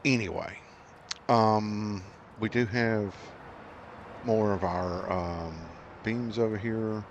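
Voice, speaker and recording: Deep gravelly man ranting over gameplay. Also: fairly even intonation, takes it slowly, lo-fi sound, a little hiss or hum. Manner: rambling, ranting, exasperated, many fillers and restarts. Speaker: gaming channel host. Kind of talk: casual gameplay commentary.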